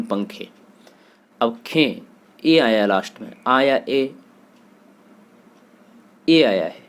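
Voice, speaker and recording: A man teaching a grammar lesson for exam students, steadily listing word pairs and asking and answering his own questions. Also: medium pitch.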